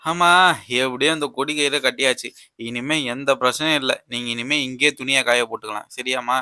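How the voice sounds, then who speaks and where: A man voicing an easygoing father in a doll play drama, trying to calm everyone down. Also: mid-range voice, brisk, clear, resonant tone. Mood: placating. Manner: placating, conciliatory. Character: easygoing peacemaking father, middle-aged man.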